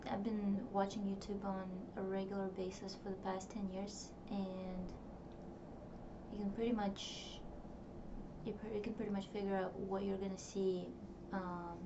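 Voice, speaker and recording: A young woman, a native Russian speaker, records a casual diary vlog to camera, rambling reflectively with lots of fillers. Her voice is medium-pitched with vocal fry. The home recording sounds distant, dull and noisy.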